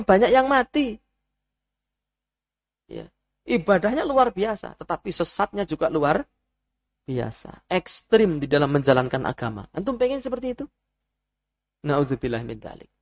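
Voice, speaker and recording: Javanese-accented male teacher, gravelly, animated lecture storyteller, muffled lo-fi audio. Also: high-pitched. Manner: animated storytelling with Javanese asides, mixing in Arabic terms. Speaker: religious teacher. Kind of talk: Islamic study lecture.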